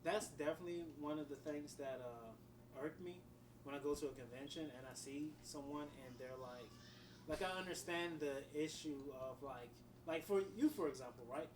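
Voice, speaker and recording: A man's voice: a little high, moderate pace, far from the mic, noisy background. A man co-hosting a podcast in casual chat, rambling and filling his talk with "you know" and "whatnot.". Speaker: podcast co-host, writer.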